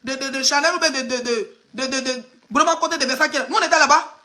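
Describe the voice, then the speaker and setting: She talks fast in a high, bright, forceful voice. This Ivorian online gossip blogger, with her Ivorian French accent, delivers live commentary that mocks emphatically and speaks directly to the one she's criticizing.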